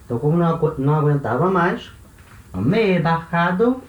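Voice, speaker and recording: A man's voice: on the high side, big pitch swings, brisk, echoey room, far from the mic, lo-fi sound. A man with a Brazilian Portuguese accent teaching grammar patiently, often checking in with tag questions. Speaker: language teacher. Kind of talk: explaining grammar.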